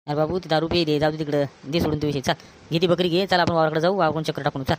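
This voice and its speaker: A man's voice: on the high side, little pitch movement, lightly acted. A man with a Varhadi Marathi accent playing an angry brother who scolds his drunk sibling in a village comedy skit. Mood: scolding. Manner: scolding, rapid-fire.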